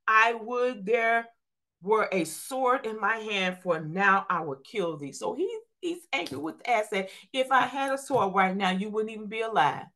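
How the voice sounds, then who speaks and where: A woman preaches with a high-leaning, sharp-toned voice, reading scripture aloud and explaining it in plain, folksy terms. She calls out to the congregation as she goes.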